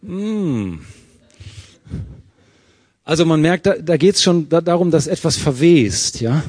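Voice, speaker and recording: Prediger mit warmer, rauer Stimme. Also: male voice, fairly high pitch, moderate pace, no room sound. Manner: lively preaching, verse by verse, with questions to the congregation. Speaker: preacher. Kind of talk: sermon.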